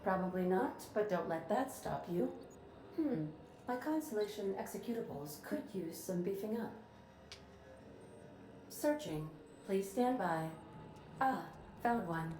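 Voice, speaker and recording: A woman's voice: medium pitch, animated, unhurried, a little mellow, close to an everyday voice. A woman voicing a prim, precise ship's computer AI. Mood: dry. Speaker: ship's artificial intelligence. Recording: roomy game audio with background noise.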